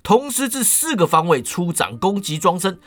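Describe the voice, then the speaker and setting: A man narrating a martial-arts tale with a lively, rolling delivery that stretches out his phrase endings. His voice sits high and bright, with a lot of rise and fall. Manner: lively, adds drawn-out particles. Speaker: storyteller. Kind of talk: wuxia storytelling.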